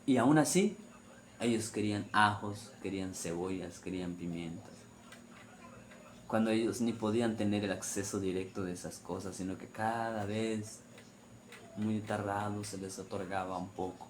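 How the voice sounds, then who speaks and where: Male preacher, low-pitched, emphatic and repetitive, light background ambience. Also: normal speed, a little hiss or hum. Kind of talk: sermon on the weekly Torah portion.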